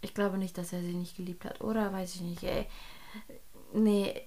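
A woman's voice: lowish voice, level tone, moderate pace, mellow. A woman co-hosting a podcast, chatting in slang and dropping into whispered gossip asides. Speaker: podcast co-host. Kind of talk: casual gossip chat.

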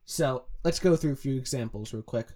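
A man's voice: mid-range voice, brisk, dark tone. A young man co-hosting a music breakdown, explaining the pronunciation of vowels and demonstrating the sounds himself. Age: young adult. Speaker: music analysis co-host. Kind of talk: casual analytical chat.

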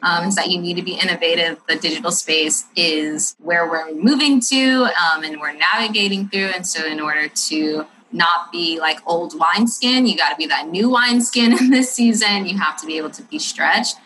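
Woman, teacher and author, earnest chatty testimonial, bright tone with faint background noise. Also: on the low side, moderate pace, few pauses, poor audio. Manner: earnest, faith-driven, chatty with fillers.

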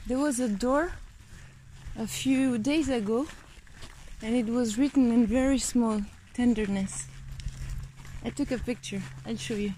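A woman's voice: fairly high pitch, slow, warm tone, a little hiss or hum. A woman hosting a casual walking chat, playful and laughing often. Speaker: host. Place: outdoors in the countryside.

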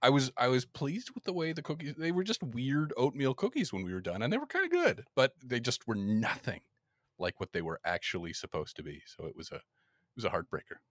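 Man, podcast host, casual chat, laughs a lot, lively swooping intonation, dry close mic. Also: mid-range voice, a little fast, no room sound. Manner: laughs often, animated.

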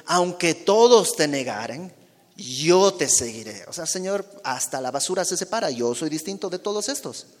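Expressive preacher in an echoing hall. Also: male voice, on the high side. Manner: expressive, acts out quoted dialogue, drops to soft tones. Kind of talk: sermon. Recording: long hall reverb.

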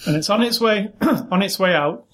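A man's voice: high voice, animated, normal speed, fairly bright tone. A British man hosting a podcast in a casual style, with dry, teasing humour. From United Kingdom. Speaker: podcast host.

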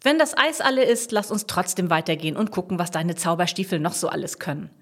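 A woman playing a quiet, skeptical young boy from a storybook. He talks in an earnest, doubtful way, with a lively rise and fall in his voice. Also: a little high, brisk, breathy edge, pitched above the performer's own voice.

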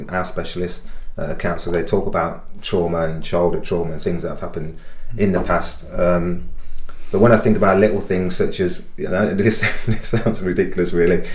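Male guest, very low voice, reflective storyteller, roomy echoey sound. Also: a little mellow. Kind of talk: reflective interview talk.

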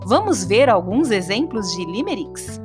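A woman narrates children's rhymes with a playful, engaging manner, her pitch rising and falling with lively animation. She speaks straight to the listener, and soft music plays faintly underneath. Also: unhurried. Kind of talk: reading limericks aloud for children.

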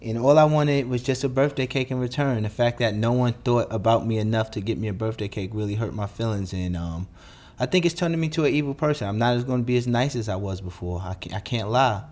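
New dude on his podcast, cussing, venting hard, regular pitch. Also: quick pace, darkish tone. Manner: profane, blunt, heated ranting. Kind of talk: solo podcast monologue.

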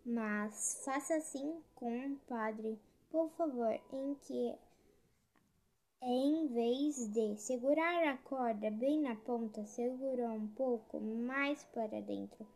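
A woman's voice: a little high, slow, darkish tone. A woman voicing a cheeky, clever male tortoise trickster in a storybook tale, sounding eager and sly.

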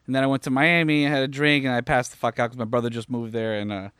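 A man's voice: mid-range voice, flat delivery, a bit bright, clean tone, no room sound, studio quality. A tired young man co-hosting a podcast, ranting in casual chat with lots of swearing and fillers. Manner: profane, rapid rants with frequent fillers. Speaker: podcast co-host.

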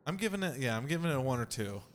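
A man's voice: medium pitch, sing-song, rapid-fire. A young man hosting a podcast in a casual, joking way, swearing and laughing often. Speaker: podcast host.

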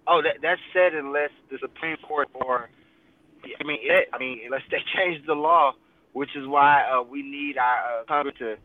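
A man's voice: medium pitch, pushed and bright. A man calling in as a guest on a car speakerphone while driving, talking conversationally with frequent 'uh' fillers and restarts. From Texas. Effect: car speakerphone call while driving. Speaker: guest, congressional candidate. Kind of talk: casual live interview. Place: moving car. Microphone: phone speakerphone. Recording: tinny phone line from a car.

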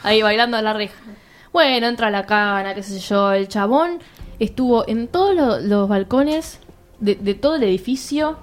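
A young woman with a Rioplatense Argentine accent telling a story to her friends in casual chat, slangy and animated, laughing often and acting out the voices of the people in it. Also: mid-range voice, moderate pace. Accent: Rioplatense Argentine Spanish.

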